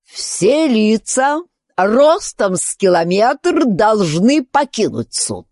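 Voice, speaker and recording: A woman's voice: fairly high pitch, sing-song, slow, a little mellow, no echo, clean studio sound, voice pushed up, exaggerated voice. A woman voicing a fussy, bumbling king who acts as judge in a storybook poem, blustering and pompous.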